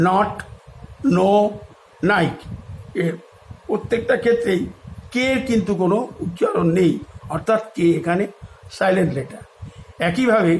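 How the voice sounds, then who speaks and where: A man teaches English spelling. He spells each word out letter by letter and then repeats it in a steady classroom manner. A faint hiss and a few clicks sit behind the voice. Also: high-pitched, rough recording. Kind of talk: spoken English lesson in Bengali.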